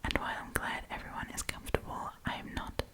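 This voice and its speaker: Whispering breathily without voicing, this woman talks fast as she reads online stories for ASMR. She tosses in casual, chatty commentary, her mouth close to a propped-up mic.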